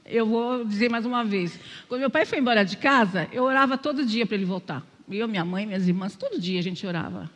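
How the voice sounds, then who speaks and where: A woman's voice: mid-range voice, fairly quick, hardly any pauses, a bit bright, long reverb tail. An older woman with a Brazilian accent gives a chatty, conversational church message, mixing personal stories and self-deprecating humor and often checking in with her listeners. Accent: Brazilian Portuguese. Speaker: lay speaker at church. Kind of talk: conversational sermon with personal testimony. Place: church sanctuary.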